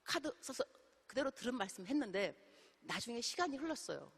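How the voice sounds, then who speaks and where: A middle-aged woman missionary preaching a sermon in a church, telling stories in an animated way and acting out the dialogue. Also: a little high, a little fast, slightly rough. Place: church sanctuary. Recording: long hall reverb.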